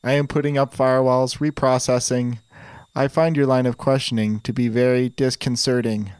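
A man's voice: mid-range voice, moderate pace, clean tone, no room sound, natural voice. A man playing a glitching robot that keeps rebooting and speaks in stiff, formal phrases that repeat. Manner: flat formal robot speech, repeats itself when glitching. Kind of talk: improvised comedy sketch.

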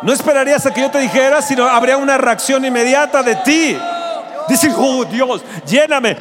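A man preaching a fervent sermon in a church auditorium, often shouting, with a Mexican Spanish accent. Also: very high voice, in a large hall. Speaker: pastor.

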